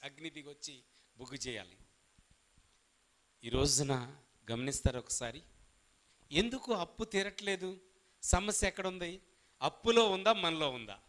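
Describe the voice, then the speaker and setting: A man preaching a sermon, asking the congregation questions and answering them himself, calling on them to shout along, and moving between soft asides and loud, drawn-out calls. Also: on the high side, expressive. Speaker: pastor.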